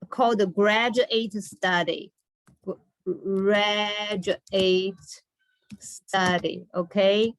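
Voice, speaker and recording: A woman English teacher giving a classroom lesson, speaking deliberately, repeating words and often checking in with a short okay or all right. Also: medium pitch, a bit bright, dry recording, low-quality recording. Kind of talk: slow classroom lesson with read-and-repeat drilling.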